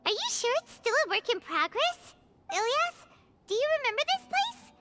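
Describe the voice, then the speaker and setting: A woman voicing a tiny excitable fairy companion girl in an anime game, with a childlike, squeaky way of talking. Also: normal speed, heavy background noise. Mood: puzzled, worried. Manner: childlike, squeaky, speaks of herself in third person. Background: game music.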